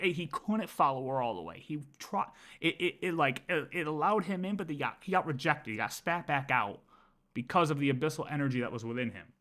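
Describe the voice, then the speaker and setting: Here a man talks in a slightly high, somewhat bright voice. On a livestream, he offers casual game lore commentary, musing aloud and frequently repeating himself while he sorts out his thoughts.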